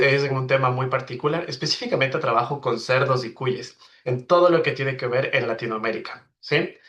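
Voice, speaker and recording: A man's voice: medium pitch, a bit bright. Ecuadorian vet in his thirties, webinar speaker, friendly and explanatory, video call audio. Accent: Ecuadorian Spanish. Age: 30s. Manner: friendly, explanatory, with frequent tag questions. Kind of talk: online presentation.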